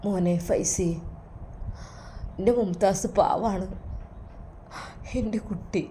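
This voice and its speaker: A woman voicing a frail, grieving old father in a spoken story. She gives him a soft, pleading, tearful manner. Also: mid-range voice, fairly even intonation, takes it slowly, a little hiss or hum, close to an everyday voice.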